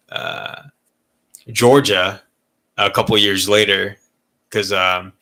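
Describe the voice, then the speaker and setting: A man's voice: sits low, sharp tone. A man in his thirties from Malaysia, telling stories in a candid, rambling way as a podcast co-host in casual chat. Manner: candid, rambling storytelling with frequent swearing and laughs.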